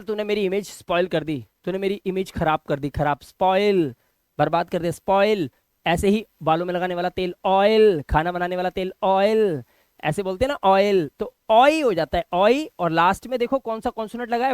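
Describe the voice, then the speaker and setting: A man teaching English pronunciation, repeating each word slowly and with emphasis. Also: clean tone, dry recording. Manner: persuasive course pitch. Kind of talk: Hindi-language phonics lesson.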